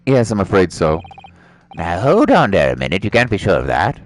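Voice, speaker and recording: A man voicing a gruff, defensive thief brother in a video game. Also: sits low, huge pitch swings, moderate pace. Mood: defensive, insistent.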